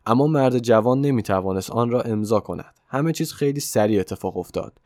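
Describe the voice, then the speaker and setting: A man giving steady scripted narration of an audiobook story. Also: mid-range voice, dry recording, clean studio sound.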